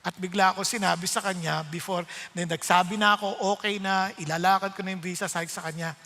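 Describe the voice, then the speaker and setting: A middle-aged man preaching with a high, bright voice that rings through a large hall with long reverb. He tells personal stories with lively energy, acting out each exchange and laughing often. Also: quick pace. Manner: animated, acts out dialogue, laughs often. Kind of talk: sermon with personal storytelling.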